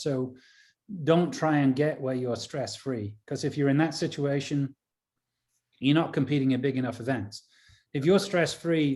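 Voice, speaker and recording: A man's voice: mid-range voice, darkish tone. Rambling man on a video call. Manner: rambling, many fillers and restarts. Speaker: golf caddie and coach. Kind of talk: casual conversation.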